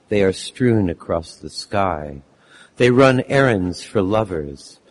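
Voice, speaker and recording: A man with a lost, hoarse voice introducing and reading his text at a live poetry event, halting with many fillers. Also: lowish voice, darkish tone. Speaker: poet reading his work.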